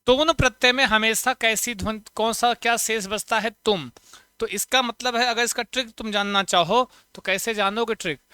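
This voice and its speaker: A man teaching a Sanskrit grammar lesson for exams, chanting sound patterns and firing quick questions at students. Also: sits high, pushed and bright, clear, resonant tone, no room sound, clean studio sound. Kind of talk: online exam-prep lesson.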